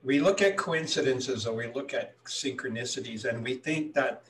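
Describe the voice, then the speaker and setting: A man in his sixties from Hawaii tells his life story as an interview guest, reflective and unhurried. His voice is of middling pitch. He sits somewhat far from the mic, with faint noise underneath. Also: a bit bright. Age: 60s. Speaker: guest healer.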